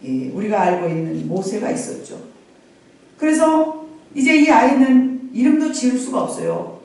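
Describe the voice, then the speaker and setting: A middle-aged woman pastor telling a Bible story in a lively, conversational sermon, repeating phrases and addressing the congregation directly. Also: mid-range voice. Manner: animated, repetitive, conversational asides to the congregation. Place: church sanctuary. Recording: very echoey sanctuary, from far off.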